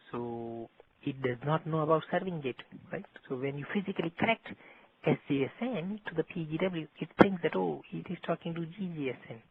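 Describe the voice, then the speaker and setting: A man giving a methodical technical lecture, heard over a landline phone as an instructor explaining step by step. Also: on the high side. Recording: tinny landline phone line.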